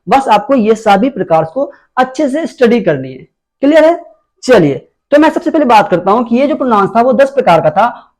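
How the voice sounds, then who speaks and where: A man with an Indian accent giving a grammar lesson, asking the class questions and answering them himself while he repeats each key point. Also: very high voice. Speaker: teacher.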